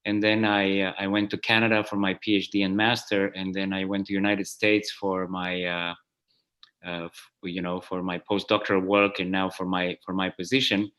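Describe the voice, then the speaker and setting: Speaking over a video call, this guest math professor, a man in his forties originally from Romania, delivers a plenary online conference talk. The voice is deep and fairly bright, moves little in pitch, and keeps a normal speed. He hesitates often, with many fillers and restarts.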